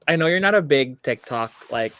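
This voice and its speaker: Gushing, animated drag queen host. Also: on the high side, a little fast, clean tone, dry recording. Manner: chatty, gushing, laughs often. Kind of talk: casual chat on a live show.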